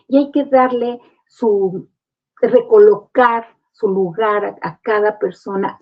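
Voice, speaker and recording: A woman, a guest on a talk program, explaining grief in an earnest, reassuring way. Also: medium pitch. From Mexico. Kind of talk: conversational advice on a talk program. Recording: muffled lo-fi sound.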